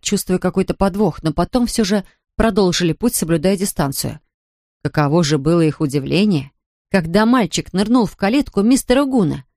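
A woman narrating a children's audiobook in a calm, even storytelling manner. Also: on the low side, no room sound, clean studio sound.

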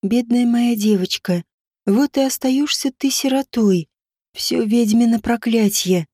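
A dying witch mother, stern and tender, speaks low and slow with a muffled, breathy voice, as a woman narrator puts her on. Her tone is mellow and dark, recorded dry and close for a storybook audiobook. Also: no room sound. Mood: tender, fading.

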